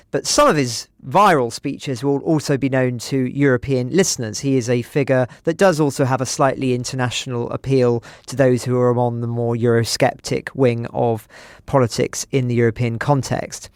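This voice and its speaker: A man's voice: medium pitch, dry recording, clean studio sound. A man speaking as a podcast commentator, reflective and analytical. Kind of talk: podcast discussion.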